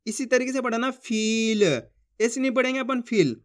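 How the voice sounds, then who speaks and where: A man teaching beginners to read Hindi, sounding out syllables slowly and asking listeners to read along with him. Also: very high voice, flat delivery, a bit bright. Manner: drawn-out syllables when sounding out words. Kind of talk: spoken lesson for beginners.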